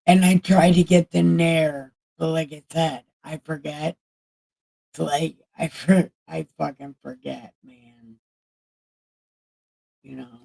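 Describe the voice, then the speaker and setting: A woman's voice: low voice, steady tone, slow pace, vocal fry, pauses often, warm tone. A woman livestreamer in casual chat, talking candidly and with plenty of swearing to her viewers. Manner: candid, profane, chatting with viewers.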